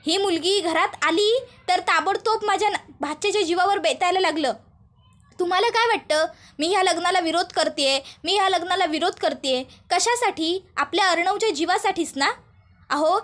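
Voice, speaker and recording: A woman's voice: very high voice, a bit bright. Woman doing a scheming self-righteous aunt. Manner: indignant, self-justifying.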